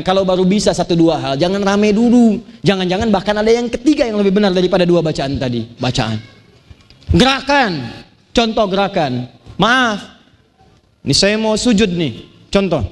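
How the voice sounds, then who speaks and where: A man from Banten preaching to an audience, telling lively stories and chanting Quranic verses. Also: high-pitched, normal speed. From Banten, Indonesia. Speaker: Islamic preacher. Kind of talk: sermon to a live audience.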